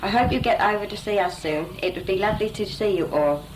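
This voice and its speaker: A woman's voice: mid-range voice, fast talker. A young woman giving an informal, slightly self-conscious message to relatives. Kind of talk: informal spoken letter to relatives. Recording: noisy amateur home tape.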